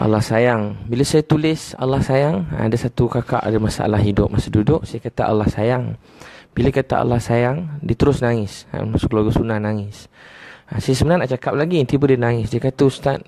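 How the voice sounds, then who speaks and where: A preacher with a Malaysian Malay accent gives a religious lecture in a creaky voice, repeating his points with gentle emphasis and dropping to soft lows. The recording has no echo.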